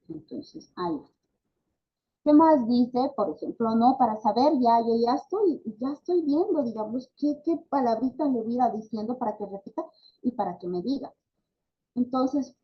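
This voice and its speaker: Bolivian woman lecturing, lo-fi audio. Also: fairly high pitch. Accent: Bolivian Spanish. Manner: conversational, with many fillers and tag questions. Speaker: speech therapy lecturer. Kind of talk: online class lecture.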